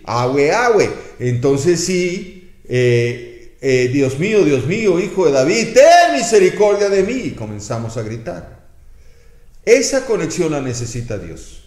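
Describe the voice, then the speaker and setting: A man's voice: on the high side, a little mellow, roomy sound. An older man with a Mexican Spanish accent preaching a sermon as pastor, acting out pleas and adding sound effects as he talks.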